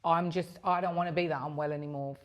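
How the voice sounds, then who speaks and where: A woman, chatting on a podcast. Her voice sits a little low, and she talks in a supportive, matter-of-fact way. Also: fairly even intonation, fast. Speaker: podcast co-host. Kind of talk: casual chat.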